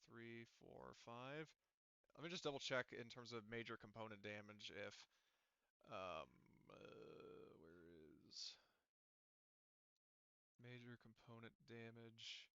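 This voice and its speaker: A man game-mastering an online tabletop session pauses and restarts as he thinks out loud about rules and dice sums. He has a medium pitch and a smooth, sharp tone, recorded with no room sound on lo-fi equipment.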